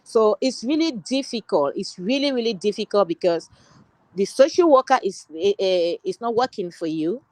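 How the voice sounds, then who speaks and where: A woman's voice: mid-range voice, normal speed, no room sound, poor audio. Woman from cameroon talking earnestly, lots of restarts, dry close sound. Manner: earnest, steady, with frequent restarts. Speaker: guest social worker. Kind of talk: online panel talk.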